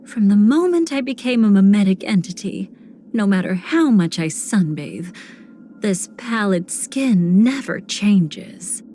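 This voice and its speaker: A woman's voice: medium pitch, lively intonation, unhurried, dark tone, soft background music, lightly acted. Woman acting Constance, a languid, sinister seductress. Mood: cool, haughty. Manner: languid, theatrical, breathy whispered phrase endings. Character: seductive, sinister woman cremator who savors betrayal and decay. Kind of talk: video game character voice lines.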